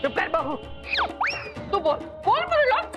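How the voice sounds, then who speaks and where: An actress with a Punjabi accent playing a loud, doting mother-in-law who gushes over her son. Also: extremely high pitch, very animated, unhurried, highs cut off, exaggerated voice. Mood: gushing. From Patiala, Punjab. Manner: loud, exclamatory, gushing. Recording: sitcom audio with loud background music.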